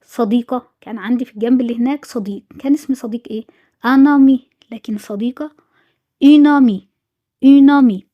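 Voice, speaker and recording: A woman's voice: on the high side, brisk, dull audio. Egyptian woman teacher drilling vocabulary. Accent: Egyptian Arabic. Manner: drills words with repetition, asks and answers own questions. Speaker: French teacher. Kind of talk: exam review lesson.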